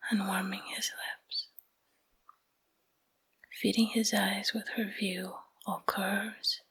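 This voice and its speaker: This rough recording captures a woman of medium pitch whispering a bedtime story for ASMR, her mouth near the microphone. She keeps it hushed and breathy, pausing after each short phrase.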